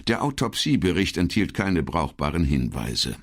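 A man voicing a polite, guarded middle-aged male police detective in a measured tone. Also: low voice, very animated, breathy edge, heavily acted.

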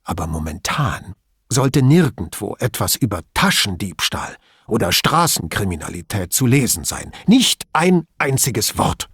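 Reading an audiobook, a man voices a pompous police chief who drives home each point with indignant emphasis, in a heavily acted, sing-song delivery. His husky, fairly bright voice jumps around in pitch at normal speed, captured in a close, dry recording with no echo.

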